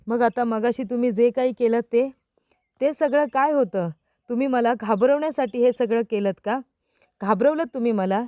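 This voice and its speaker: A woman's voice: fairly high pitch, moderate pace, mellow, no room sound, studio quality, natural voice. A woman voicing an anxious, devout young wife who pleads and asks worried questions.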